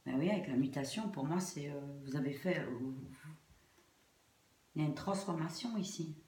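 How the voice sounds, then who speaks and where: A woman's voice: deep voice, moderate pace, mellow. A woman with a throat infection giving an informal tarot reading to online viewers, hesitant, trailing off and repeating her phrases. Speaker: tarot card reader. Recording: echoey room, faint noise and clicks.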